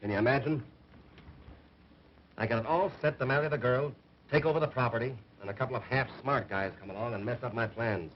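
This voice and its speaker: A scheming attorney, early talkie sound. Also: male voice, mid-range voice, fairly quick. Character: scheming male attorney, smooth and serious. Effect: early 1930s talkie film soundtrack. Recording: muffled, faintly hissy 1930s film sound.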